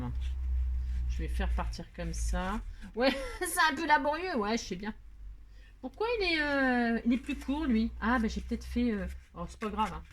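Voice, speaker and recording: A woman's voice: mid-range voice, fairly bright tone. Middle-aged lady doing a craft tutorial, chatty and rambly, laughs at herself, bit of faint hiss and clicks behind. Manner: rambling, self-mocking, talks to herself while working.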